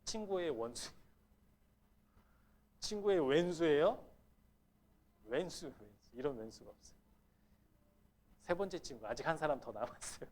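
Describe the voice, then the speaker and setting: Middle-aged male pastor, sermon delivery, somewhat high pitch, quizzes his listeners and voices the quotes. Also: lively intonation, measured pace, pauses often, darkish tone. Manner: asks the congregation questions and acts out quoted lines. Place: church sanctuary.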